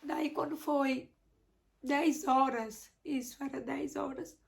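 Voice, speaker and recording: A woman's voice: fairly even intonation, takes it slowly, creaky. A young woman, telling her own birth story and acting out her past pleas. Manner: reenacts her own pleading in a higher, louder voice. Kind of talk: emotional personal storytelling.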